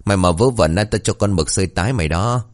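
A man's voice: deep voice, fast talker, close to an everyday voice. A man playing a brash, crude young ghost hunter who bosses and mocks. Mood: bossy. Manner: bossy, mocking, crude.

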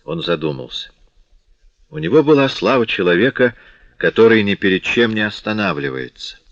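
A man with a very deep voice reads a classic novel aloud in a measured, dramatic way. The sound is dry and close, with a dull, lo-fi tone. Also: expressive, no room sound. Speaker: audiobook narrator. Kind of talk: scripted audiobook narration. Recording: dull dry lo-fi audiobook recording.

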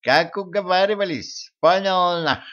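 A man voicing a cheeky young male gremlin who talks in sly, slangy, wheedling tones, with a raised pitch. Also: a little slow, fairly bright tone, highs cut off.

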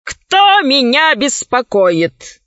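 A woman's voice: high voice, sing-song, extremely slow, fairly bright tone, dry recording, exaggerated voice. Woman playing a lazy domineering boss brother. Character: fat, lazy, overbearing elder brother boss, man. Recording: dry, dull lo-fi recording.

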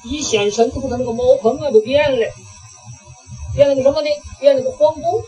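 Very high-voiced monk telling a story. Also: male voice, fairly quick, low-quality recording. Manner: lively storytelling, acting out the voices in his tale. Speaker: Buddhist monk. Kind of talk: storytelling sermon.

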